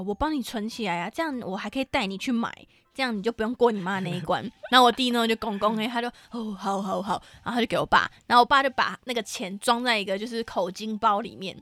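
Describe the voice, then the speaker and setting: A young woman with a Taiwanese Mandarin accent co-hosting a podcast. She chats casually, laughs often and drops swear words while telling animated stories. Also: a little high, no room sound. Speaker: podcast co-host. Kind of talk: casual chat.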